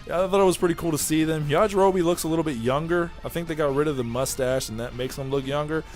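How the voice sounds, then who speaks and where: A young man with a slightly high voice talks fast over faint background music, giving a casual, rambling, offhand video review of an anime episode. He is chatty and uses fillers.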